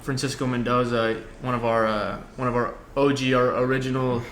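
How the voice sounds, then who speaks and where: A man's voice: medium pitch, little pitch movement, fairly quick, fairly bright tone. Young man chatting in an echoey room. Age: young adult. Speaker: soccer player, podcast guest. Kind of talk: casual chat. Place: indoor lounge seating area. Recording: roomy echo, faint background noise.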